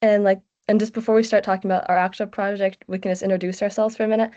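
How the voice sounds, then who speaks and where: This American sixteen-year-old rattles off her online presentation very fast, her warm voice at a medium, level pitch. She keeps it casual with plenty of "like" fillers, and the video call sound is muffled and low-fi.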